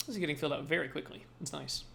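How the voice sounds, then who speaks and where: This man's voice is on the high side, gravelly, bright, and forceful, and he speaks very fast over slight background noise. He's livestreaming while coding at his desk, muttering hedged self-talk in a loose, casual think-aloud style.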